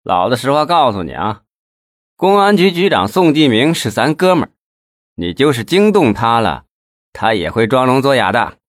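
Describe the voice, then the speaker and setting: A man's voice: on the low side, expressive, moderate pace, a bit bright, no echo, clean studio sound. A man voicing a drunk, crude, bullying male thug in a storybook reading. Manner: swaggering, mocking, crude.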